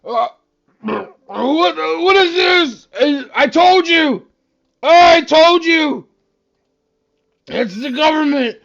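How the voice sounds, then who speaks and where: A man voicing a paranoid town drunk in a tabletop game, drunken and startled, with drawn-out exclamations. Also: very high voice, animated, creaky, fairly bright tone, lo-fi sound, pitched above the performer's own voice, full character voice. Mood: drunken alarm. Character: paranoid male town drunk, panicked conspiracy ranter. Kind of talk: tabletop role-play.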